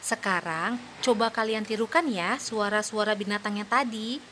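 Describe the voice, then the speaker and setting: A woman's voice: mid-range voice, fairly bright tone, a little hiss or hum, natural voice. A woman playing a cheerful young mother in a scripted children's audio play, patiently praising and encouraging her two little daughters. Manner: patient, praising, speaks slowly for small children.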